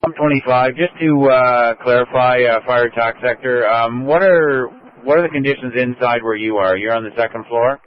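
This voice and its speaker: A man's voice: medium pitch, moderate pace, hardly any pauses. A man working as a fire incident commander on a two-way radio, giving procedural dispatch traffic and repeating reports back. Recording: muffled lo-fi fire radio transmission.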